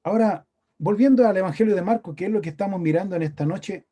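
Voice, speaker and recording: High-voiced Chilean preacher. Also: male voice, fast, dark tone. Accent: Chilean Spanish. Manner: conversational, asks the congregation questions. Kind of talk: sermon. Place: church meeting room.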